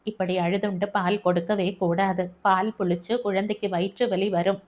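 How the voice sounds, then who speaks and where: A woman's voice: medium pitch, level tone, moderate pace, a little mellow, lightly acted. A woman voicing a worried older mother who scolds and grumbles, in a storybook reading. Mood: fretful scolding. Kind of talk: storybook narration.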